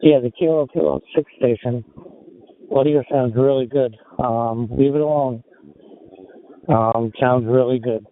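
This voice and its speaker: A man's voice: medium pitch, fairly even intonation, a little slow. A man, an amateur radio operator, speaking over a radio link in a friendly, hesitant way with fillers. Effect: heard over a radio link. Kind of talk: ham radio contact. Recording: tinny narrow radio audio.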